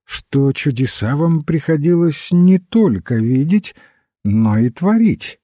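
A man reading the part of a small, calm male priest who speaks politely. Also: on the high side, slow, no echo, studio quality, voice pushed up.

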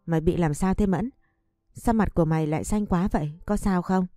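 A woman's voice: lowish voice, a little fast, warm tone, no room sound, clean studio sound, faint music behind, lightly acted. A woman voicing a young female friend who is worried and protective, speaking urgently in an audiobook story. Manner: urgent, pleading. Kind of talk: audiobook narration.

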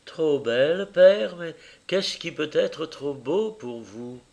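A man's voice: on the high side, expressive, slow, vocal fry, a little mellow, heavily acted. A man reading aloud, voicing a young blind daughter who speaks with tender delight. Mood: joyful.

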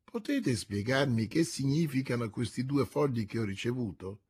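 A man's voice: medium pitch, moderate pace, husky. Man reading as a noble, weary musketeer. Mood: earnest. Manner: calm, philosophical.

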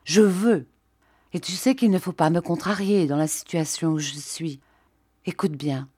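A woman's voice: fairly low pitch, unhurried, mellow, husky, no echo, studio quality. A woman reading the part of a distressed, pregnant young wife who insists on being obeyed. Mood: determined. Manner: insistent, emotional.

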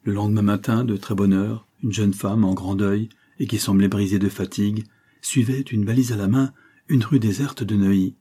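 A man reads a novel aloud in measured, dramatic narration. His voice is low, dark and very husky, with a mellow warmth. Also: fairly even intonation. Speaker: audiobook narrator.

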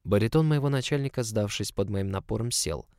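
A man's voice: lowish voice, a little fast, mellow, clean tone, no echo. A man narrating a story in the first person, in an intimate, close storytelling manner. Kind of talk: audiobook narration.

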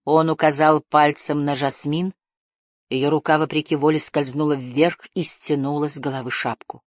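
A woman narrating a fantasy story in a measured, expressive storytelling manner. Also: low voice, no echo, studio quality. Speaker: audiobook narrator.

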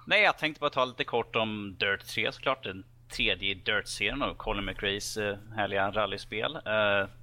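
Bright-voiced casual man chatting about games. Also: lowish voice, few pauses. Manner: rambling, jokey, self-mocking. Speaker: podcast co-host. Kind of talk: casual gaming podcast chat.

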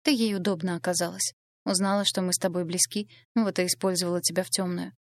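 Woman reading a scared pregnant young heroine, soft and pleading, dry close sound. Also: lowish voice, fairly even intonation, fast, no room sound, natural voice.

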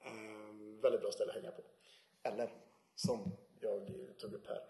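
Male co-host, mellow tone, relaxed chat and frequent laughs, roomy sound. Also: on the low side. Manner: laughs often, relaxed storytelling. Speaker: podcast co-host. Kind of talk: casual chat.

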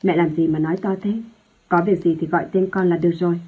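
Storybook role: a frustrated young man in love, read by a woman, low and husky, on a phone-like line. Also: little pitch movement, fast talker. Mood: pleading. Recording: tinny phone-like lo-fi sound.

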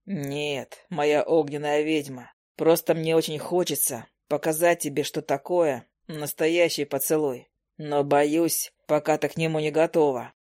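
Storybook role: woman reader plays a calm, low-murmuring male monster hunter, slow and steady. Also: no echo, clean studio sound. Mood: gruff, teasing.

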